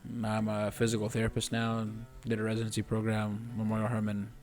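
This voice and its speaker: Faint music runs under the brisk, fairly low voice of a twenty-something physical therapist. As a podcast guest he chats casually, sounding earnest and even, with an occasional false start.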